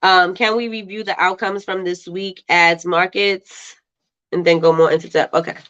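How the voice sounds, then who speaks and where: Chatting with viewers and reading their comments, a livestream host with a congested, stuffy voice laughs a lot and says things more than once. She speaks at normal speed, her voice on the low side, steady, and fairly bright, over slightly dull lo-fi audio.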